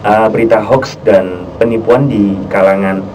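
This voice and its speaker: A man's voice: lowish voice, steady tone, unhurried, a little mellow. A man presenting a radio talk show conversationally, polite and deferential, with somewhat hesitant phrasing. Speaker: radio host. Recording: slightly distant mic, faint noise.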